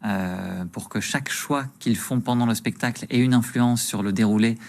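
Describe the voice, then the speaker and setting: A man's voice: medium pitch, normal speed, gravelly, darkish tone. A man working as a magician, explaining things agreeably and conversationally as a guest in a TV interview.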